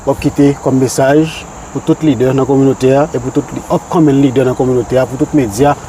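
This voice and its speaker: A man's voice: medium pitch, fairly even intonation, quick pace, mellow, a little hiss or hum. A man with a Haitian Creole accent hosting a casual community interview, upbeat and promotional in manner. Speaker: interview host.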